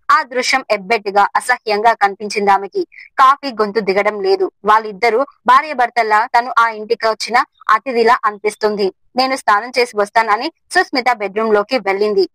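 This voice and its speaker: Woman story narrator; steady, expressive scripted reading, fairly high and bright. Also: no room sound, rough recording.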